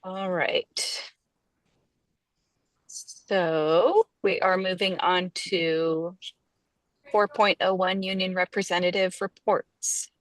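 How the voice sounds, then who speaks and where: A woman with a slightly low voice chairs a public meeting from the cab of a moving truck. She works through procedure in a halting, apologetic, informal way, and her sound is close and dry. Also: steady tone, dry recording, rough recording. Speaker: commission chair running the meeting.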